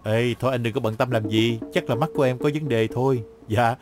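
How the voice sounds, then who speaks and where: A man's voice: mid-range voice, brisk, close to an everyday voice. A man playing a chatty, cocky detective. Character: cocky young male detective, a con artist inside. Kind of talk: dubbed drama. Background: background music.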